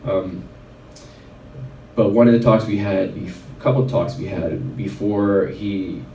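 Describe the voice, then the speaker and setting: A man's voice: on the low side, steady tone, measured pace, warm tone. Guy in his 40s telling his story at an event, lots of ums, kinda far from the mic, faint room noise. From Red Deer, Alberta, Canada. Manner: casual, rambling, lots of fillers. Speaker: chiropractor speaking at a wellness event. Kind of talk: personal storytelling talk. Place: event venue. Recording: roomy sound from a distant mic.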